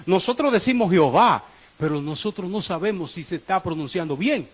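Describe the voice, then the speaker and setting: A male preacher giving a sermon, questioning the congregation and swinging between loud exclamations and low murmurs. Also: expressive, fairly quick, rough recording.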